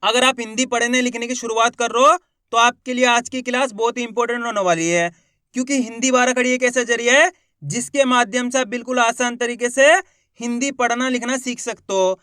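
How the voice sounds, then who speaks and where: A man teaching beginners in an online lesson. He speaks with insistent, repeated assurances and slowly sounds out each syllable, drawing the long vowels out. The sound is close and dry, with no room echo. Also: extremely high pitch, steady tone, bright, forceful tone, clean tone. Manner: emphatic, repeats assurances and calls the viewers 'friends'. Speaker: Hindi teacher, channel host.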